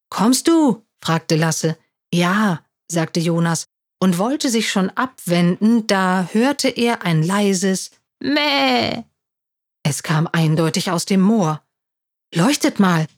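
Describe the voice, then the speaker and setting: A woman reading a children's story aloud in a clear, steady voice. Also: on the low side.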